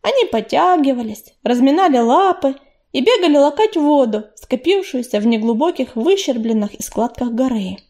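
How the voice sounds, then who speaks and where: A woman reading an audiobook in soft, even scripted narration. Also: high-pitched, normal speed.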